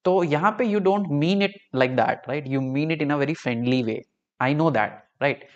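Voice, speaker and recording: Indian guy teaching online, slow deliberate talk, kinda dull audio, keeps asking right?. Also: on the high side. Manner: mixes Hindi and English, chatty, checks in with "right?". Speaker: online tutor. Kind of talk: live online class.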